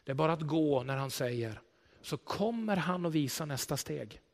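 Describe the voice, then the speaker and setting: A male pastor delivers a sermon with lively storytelling energy. His voice sits fairly high, rising loud on key points and sinking to a hush when he prays. Long reverb trails off the walls of the church hall. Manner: animated storytelling preacher, swells loud for emphasis then drops quiet.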